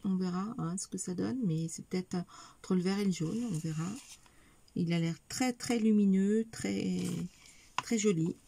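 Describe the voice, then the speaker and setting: Showing items one by one to her viewers, this middle-aged craft vlogger talks casually but hesitantly with lots of fillers. Her lowish voice is creaky and dark at a moderate pace, with slight background noise.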